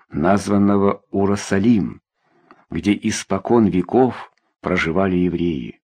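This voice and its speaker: A man reading a novella aloud as an audiobook narrator, in a measured, expressive way. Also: on the low side, husky. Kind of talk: scripted narration.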